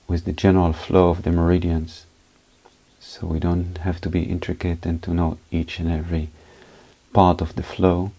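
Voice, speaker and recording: Low-pitched, creaky and mellow, a man's voice leads a guided meditation, offering short, unhurried phrases as a teacher and leaving pauses between them.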